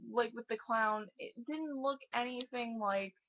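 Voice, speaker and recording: A woman's voice: on the high side, a little slow, dry recording, dull audio. A young woman in her late teens giving a casual, profane, exasperated movie review and laughing often.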